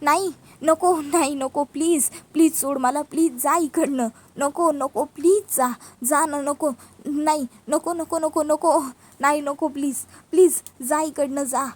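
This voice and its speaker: A woman's voice: high-pitched, fairly quick, a little mellow, close to an everyday voice. A woman voicing a terrified young woman who pleads in panic and repeats her words. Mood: pleading.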